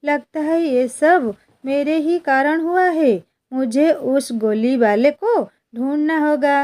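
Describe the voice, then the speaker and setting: A woman's voice: high-pitched, slow pace, darkish tone. A woman voicing a simple, fretful village husband who fusses over his wife and repeats himself when alarmed.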